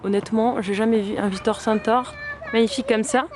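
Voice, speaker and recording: A woman in her thirties with a French accent, chatting excitedly and laughing as she films a family outing. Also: on the high side, brisk. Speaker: vlogger. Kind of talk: casual family vlog. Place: outdoors and in a visitor center. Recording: noisy outdoor camera audio.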